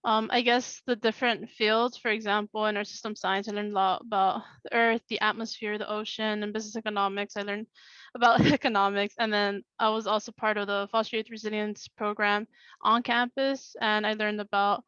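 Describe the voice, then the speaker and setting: A woman's voice: little pitch movement, brisk, a bit bright, smooth, dry recording. A woman in her twenties, a graduate, speaking plainly and a little hesitantly on a video call. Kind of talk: short speech over a video call. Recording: dry, muffled low-fidelity audio.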